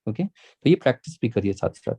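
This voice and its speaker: Man, math teacher, patient, repetitive, mellow tone, dry sound. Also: medium pitch, sing-song, husky, no echo. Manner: patient, repeats key points, drawn-out slow words. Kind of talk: classroom lesson, mixing Hindi and English.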